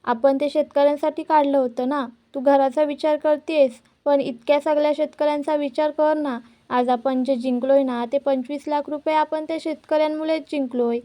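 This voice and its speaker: A woman's voice: sits high, steady tone, moderate pace, dark tone, natural voice. A woman voicing an irritated young husband who scolds his wife. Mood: angry. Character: angry young husband, stubborn and shouting.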